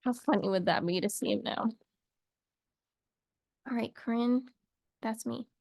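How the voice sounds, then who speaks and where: A woman's voice: a little high, a little slow, vocal fry, darkish tone, no room sound, studio quality. A young woman teaching a casual English lesson to camera, chatty and playful, wandering off into little asides.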